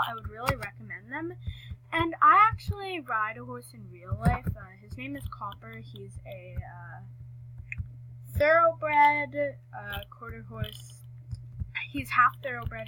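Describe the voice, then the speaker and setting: A woman's voice: fairly high pitch, pushed and bright, a little hiss or hum, poor audio. A woman chatting casually over her gameplay, rambling and often correcting herself mid-sentence. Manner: rambling, self-correcting, many fillers. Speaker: gaming vlogger.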